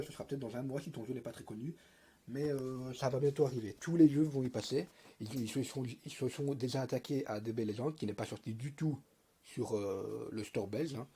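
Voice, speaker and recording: Young male gamer, lisping and stuffed-up, muted husky tone, casual rambling tutorial. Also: medium pitch, dark tone. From Belgium. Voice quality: lisp. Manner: rambling, slangy, hesitant. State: congested with a cold. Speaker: mobile game YouTuber.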